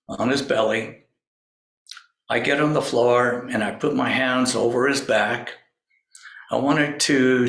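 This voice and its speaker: A man slowly telling a personal story, pausing often and acting out what others said. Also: medium pitch, a bit bright, reverberant, poor audio. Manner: slow, halting storyteller who acts out quoted voices. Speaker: spiritual speaker. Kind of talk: storytelling talk.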